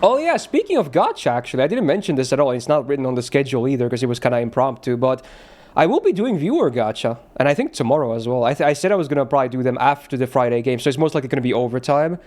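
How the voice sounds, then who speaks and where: A man's voice: medium pitch, very animated, rapid-fire, a little mellow. A male streamer chatting casually with his viewers, loose and rambling, often laughing and swearing.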